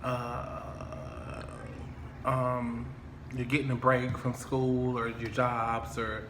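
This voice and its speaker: A man's voice: medium pitch, extremely slow, background noise. A man hosting a casual chat, joking and laughing often. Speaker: host. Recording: echoey room, faint ambience.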